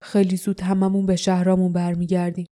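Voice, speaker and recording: A bitter, gloomy man played by a woman speaks in a heavy, grim tone. The voice has a distinct timbre from the narrator and a mellow darkness. It is a character from a storybook reading. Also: medium pitch, little pitch movement, natural voice. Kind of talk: audiobook character voice.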